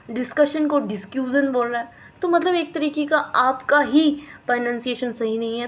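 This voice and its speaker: A woman's voice: a little high, poor audio. A woman teacher explaining teaching methods, mixing in English terms and demonstrating pronunciations. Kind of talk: explaining a teaching course in Hindi.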